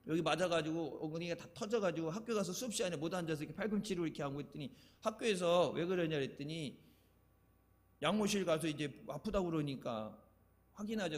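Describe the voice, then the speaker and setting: An older male pastor delivers a sermon in a chatty, storytelling way and chuckles at his own anecdotes. His voice sits high for a man. The sanctuary's long reverb trails after every phrase. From Chungcheong, Korea. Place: church sanctuary. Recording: echoey church hall reverb.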